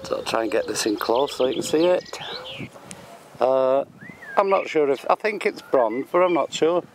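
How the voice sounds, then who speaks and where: A man's voice: mid-range voice, lively intonation, low-quality recording. A British man chatting casually while metal detecting, often chuckling at himself, recorded outdoors on a handheld camera. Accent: British English. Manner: chuckles often, unhurried and self-mocking. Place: outdoors on a windy building-site spoil heap. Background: wind noise.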